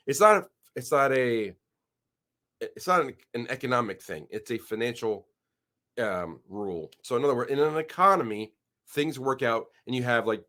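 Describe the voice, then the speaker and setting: This channel host talks casually over a screen share of the news, his voice medium in pitch and a bit bright. He sounds a little stuffed up from a head cold, and his rambling delivery is full of halting restarts.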